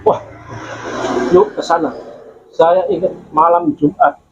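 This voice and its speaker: A man telling local stories in a casual, animated way, repeating himself and acting out the voices of the people he quotes. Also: high-pitched, takes it slowly, muffled recording, a little hiss or hum. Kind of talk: casual storytelling.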